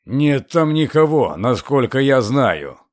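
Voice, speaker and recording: Man voicing a trembling old gentleman. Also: medium pitch, sing-song, dry recording, clean studio sound. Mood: anxious. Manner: trembling, pleading, slow. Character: frightened old secretive gentleman.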